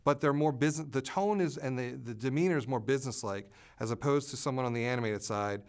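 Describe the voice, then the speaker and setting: A man explaining communication styles as an expert in an interview, pausing often with "uh" fillers. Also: medium pitch, darkish tone, clear, resonant tone.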